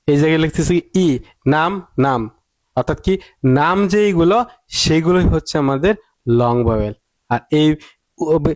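A man's voice: fairly high pitch, darkish tone, no room sound. A man teaching an English reading lesson, emphatic, often repeating points and asking rhetorical questions.

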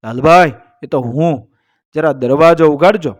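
A man voicing a worried male merchant who pleads quietly for help. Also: fairly high pitch, measured pace, close to an everyday voice.

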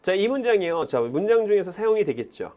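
A man teaching an English lesson in Korean, animated, who keeps urging learners to repeat phrases aloud. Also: high-pitched, fast. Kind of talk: lively classroom lecture.

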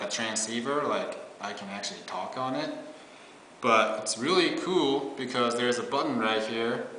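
A product presenter in his 20s, mid-range and sharp in tone, demos a product in a casual, informal, laid-back way. He's in a small bare meeting room, recorded by a camera on the table about arm's length or farther off, with echo and faint music in the background.

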